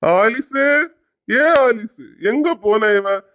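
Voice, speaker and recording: A voice actor playing a middle-aged farmer father with a Kanyakumari accent who calls loudly to his family in a cartoon. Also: high voice, drawn-out words. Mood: gruff. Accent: Kanyakumari Tamil. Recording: muffled lo-fi audio.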